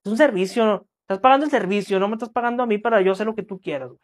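A man's voice: high-pitched, rapid-fire. A young Mexican man with a Mexican accent, a vlogger and musician talking in casual comedic sketches, full of slang and jokes. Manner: slangy, joking, mock voices in quotes.

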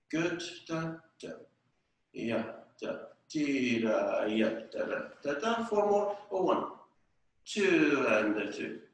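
In a home room with a tiled floor, an older man from Estonia runs a ballet class, rhythmically counting and singing out each beat. His voice is a little high and somewhat bright. Captured by a far camera, the room sounds echoey.

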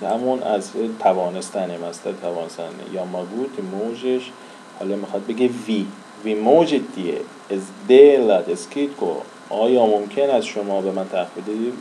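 A man's voice: lowish voice, warm tone, a little hiss or hum, low-quality recording. A man teaching a language lesson in casual Persian-language style, repeating and drawling example words as he writes.

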